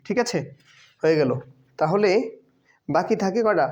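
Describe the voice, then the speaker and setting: A man teaching a Quran tajweed class online, patiently drilling Arabic letters and vowel marks, repeating each sound slowly for students to follow. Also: sits high, darkish tone. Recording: dull lo-fi sound.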